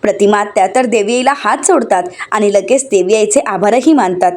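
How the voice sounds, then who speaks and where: A woman narrating an episode recap in a steady, scripted recounting manner. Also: medium pitch, a little fast.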